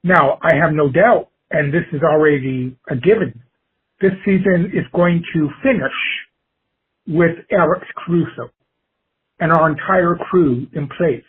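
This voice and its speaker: A man with a rather high, very husky voice leaves a voicemail for a show. It comes through a tinny, narrow phone line. He lays out his opinion in measured, halting phrases with pauses between them. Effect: voicemail played over a phone line. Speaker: caller leaving a voicemail.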